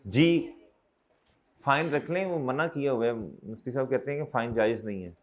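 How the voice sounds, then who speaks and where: A male accountancy lecturer, scolding his students and urging them to take their tests, dropping low and then rising loud. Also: normal speed. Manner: scolding, exhorting, switches between soft and loud.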